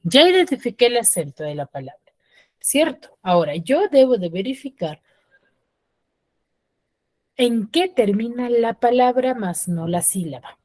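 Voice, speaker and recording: Teacher in a dry online class. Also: female voice, a little high, big pitch swings, a little slow, long pauses, darkish tone, no room sound. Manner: quizzes the students, often checks understanding with short tag questions. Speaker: secondary school teacher. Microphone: video call.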